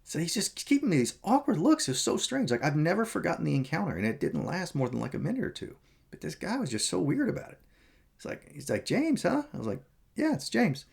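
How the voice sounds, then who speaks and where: A man's voice: fairly high pitch, wildly swooping pitch, fast, creaky, a little mellow, husky. A man talking in a casual, rambling vlog monologue, candid and meandering as he tells stories. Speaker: vlogger.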